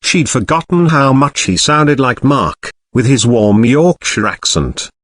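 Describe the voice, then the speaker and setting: A man narrates a crime novel with measured, expressive storytelling. His pitch moves in a lively way, and the recording is dry and close. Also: dry recording. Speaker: audiobook narrator.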